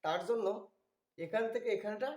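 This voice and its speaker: A man giving a slow, methodical drawing tutorial, walking through each step. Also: high voice, darkish tone, reverberant. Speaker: drawing instructor.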